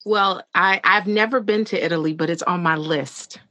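A woman's voice: fairly low pitch, moderate pace, sharp tone, no room sound. A woman hosting a podcast in casual chat, laughing often between her phrases. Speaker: podcast host.

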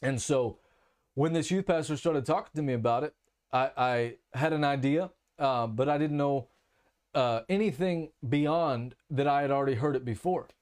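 A man's voice: medium pitch, normal speed, darkish tone. Candid, conversational male preacher. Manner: candid, conversational, frequent restarts and fillers. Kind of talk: teaching sermon with personal testimony.

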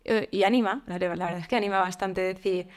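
A woman, a podcast guest talking openly and reflectively, with frequent fillers and soft laughs. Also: medium pitch, fairly even intonation, brisk. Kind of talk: candid conversational interview.

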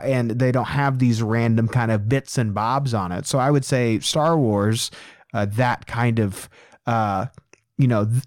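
Man, mid pitch, casual podcast co-host, explanatory, filler-heavy, dry close sound. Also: dry recording. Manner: rambling, explanatory, frequent "uh" and "you know".

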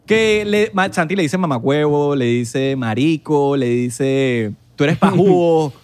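A young man, telling stories in rapid slangy casual chat on a podcast. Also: medium pitch.

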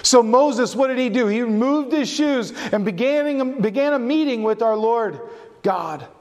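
A pastor preaching a sermon, asking his congregation questions and varying his pace and loudness for emphasis. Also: extremely high pitch, expressive, measured pace. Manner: asks the congregation questions and answers them.

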